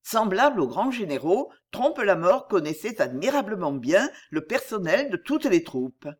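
An audiobook narrator reading a classic novel in a measured, expressive way. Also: mid-range voice, husky. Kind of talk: scripted literary narration.

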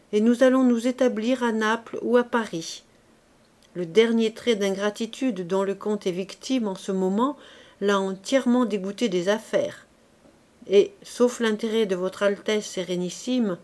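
A woman reading aloud, voicing a composed, shrewd duchess who speaks in a measured, direct way. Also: mid-range voice, darkish tone, close to an everyday voice. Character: composed, shrewd duchess, a calm court lady. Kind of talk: audiobook reading.

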